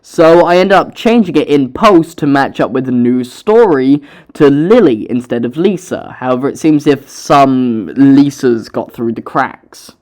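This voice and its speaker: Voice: medium pitch, lively intonation, measured pace, hardly any pauses, a little mellow. A young author narrating their own story, breaking off for casual, self-mocking, sweary commentary.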